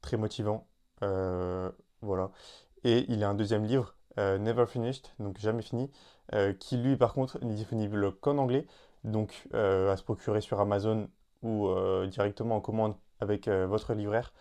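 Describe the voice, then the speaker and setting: A man's voice: on the low side, steady tone, moderate pace, mellow, clean tone. A man hosting a solo podcast, talking casually to the listener with many fillers and restarts. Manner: addresses listener informally. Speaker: podcast host.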